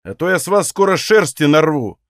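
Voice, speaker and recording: A man's voice: fairly high pitch, sing-song, a little fast, dry recording, studio quality. Man voicing a scornful Cossack officer. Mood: menacing. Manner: curt, scornful threats. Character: composed young Cossack officer, commanding.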